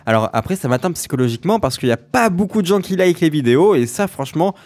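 A hoarse man role-playing a client in a comedic game role-play, rambling in a playful way. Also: a little high, animated, fast, a little mellow, soft background music.

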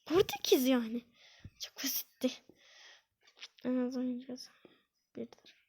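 A woman giving casual let's-play commentary on a quiz game, excitable, repeating words over and over and whining when she loses. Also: high voice, measured pace, slightly rough. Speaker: gaming channel host.

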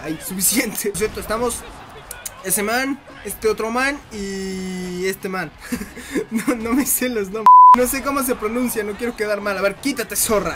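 A man giving casual gameplay commentary, excitable, laughing often and shrieking when hit. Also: sits high. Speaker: gaming commentator.

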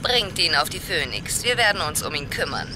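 A woman voicing a composed, friendly starship captain in a dubbed game cutscene, whose voice comes over a ship's radio communicator. She speaks in a crisp, official way. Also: deep voice, big pitch swings, moderate pace, very noisy. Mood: calm official. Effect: heard over a ship's radio communicator.

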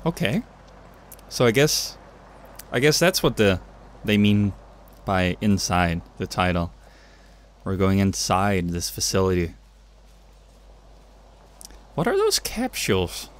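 Slow and low-voiced, pausing often, this young Danish man is still very animated. The gaming YouTuber, who has a Danish accent, gives let's play commentary from his home gaming setup indoors, full of jokey, self-mocking remarks. A little hiss or hum runs through the audio.

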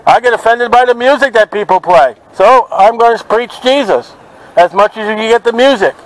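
A man preaching outdoors at a market, forceful and confrontational, quoting scripture to passers-by. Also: extremely high pitch, normal speed, dry recording, poor audio. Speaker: street preacher. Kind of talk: open-air street preaching. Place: outdoors at a city market by traffic.

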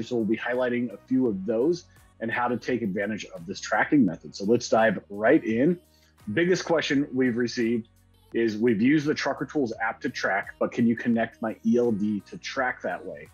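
A man's voice: medium pitch, darkish tone, slightly rough, muffled recording. A man in his thirties hosting a company video interview over a video call, upbeat and conversational. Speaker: host.

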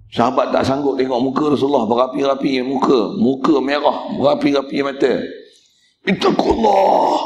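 A man's voice: medium pitch, roomy sound, a little hiss or hum. A male religious teacher, giving a mosque lecture in a blunt, teasing way and speaking straight to the congregation.

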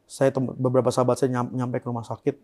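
As a guest in an interview, the young man tells of something painful in his past, talking fast in a monotone, mid-range voice. He stays soft and subdued, and his sentences often trail off quietly.

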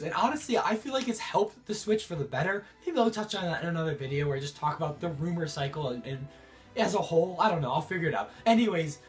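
A young man vlogging about video games, sick with a cough and a rough voice, talking in an excitable, rambling way. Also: fairly high pitch. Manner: excitable, rambling, many restarts. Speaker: gaming YouTuber. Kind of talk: excited casual vlog to camera.

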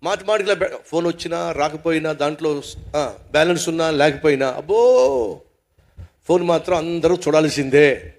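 Animated middle-aged male pastor. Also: a little high, fairly quick. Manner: animated, asks the audience rhetorical questions. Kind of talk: storytelling sermon.

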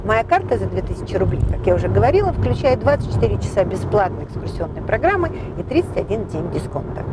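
Bubbly, lively-voiced woman presenter. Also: mid-range voice, fast talker, few pauses, heavy background noise. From Crimea. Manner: bubbly, expressive. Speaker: tour presenter. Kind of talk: upbeat promotional presenting. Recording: music playing behind.

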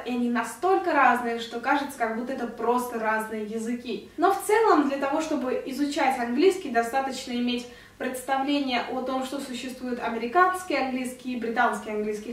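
A young Russian woman in her twenties, speaking in a high-pitched voice, explains her thoughts earnestly to the camera for a casual vlog, hands moving as she talks. She's far from the mic in an indoor room at home, so the sound is very echoey.

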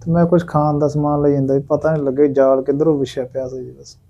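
A man with a Punjabi accent plays an injured victim in a scripted drama. He answers meekly and respectfully in halting phrases. His voice is mellow and quick. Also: fairly high pitch, level tone, muffled recording. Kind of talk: scripted social drama acting.

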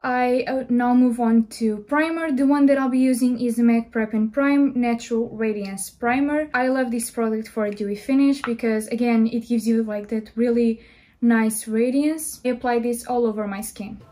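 A Portuguese woman in her twenties, a beauty vlogger, talks to camera in English with a Portuguese accent while walking through a makeup tutorial in her small bedroom. Her voice is fairly high, steady and mellow at a normal pace, and she explains each step in a friendly, chatty way.

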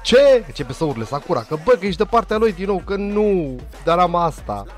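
A young man recaps an anime episode in a loose, joking way, heavy on slang and side comments. His voice sits a bit high and swings around a lot. Faint music plays behind him. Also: sing-song. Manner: slangy, joking, puts on quick voices for characters. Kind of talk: casual comedic recap narration.

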